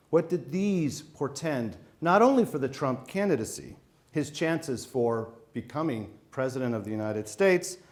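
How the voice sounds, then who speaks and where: Moderator: man with a lively, swinging pitch, measured delivery full of hesitant fillers. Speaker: event moderator introducing speaker. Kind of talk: formal introduction. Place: lecture hall.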